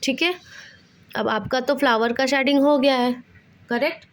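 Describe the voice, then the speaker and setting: A woman's voice: sits high, steady tone, moderate pace. A woman, patiently explaining a drawing tutorial step by step and addressing viewers fondly like children. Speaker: drawing teacher. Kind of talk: tutorial instruction.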